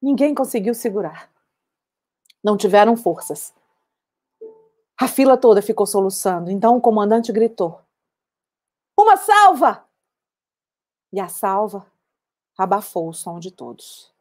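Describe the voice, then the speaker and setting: A woman's voice: medium pitch, mellow, lightly acted. Actress as an old woman war veteran. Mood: sober. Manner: measured, reflective storytelling. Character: older woman war veteran recalling battlefield memories. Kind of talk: dramatic monologue testimony.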